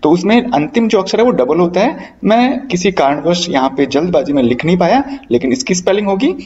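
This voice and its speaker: A man's voice: sits high, animated, fairly quick, a little mellow. A male English teacher drilling verb forms in a repeated chant, explaining rules and calling his students "beta". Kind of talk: verb-form drill lesson. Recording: dull lo-fi sound, mic set back.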